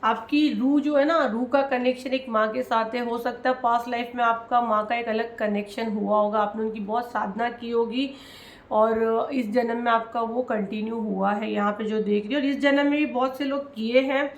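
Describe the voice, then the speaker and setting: A woman with a somewhat high, gravelly voice gives a tarot reading to her viewers. She talks in an emotional, consoling way and addresses them directly. The sound is echoey, as if from a bare room. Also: steady tone, moderate pace. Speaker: tarot reader.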